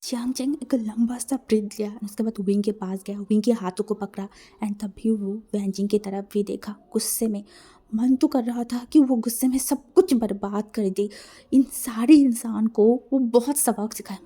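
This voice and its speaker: A woman's voice: mid-range voice, steady tone, moderate pace, mellow, breathy edge. A woman narrating a fan-fiction story in a dramatic way, mixing in English words.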